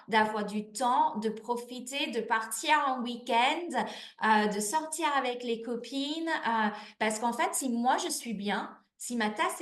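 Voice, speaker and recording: Her voice on the high side and a bit bright, this thirty-something guest, who manages network marketing, talks openly and chattily in an interview. She restarts often and leans on fillers, in an echoey room.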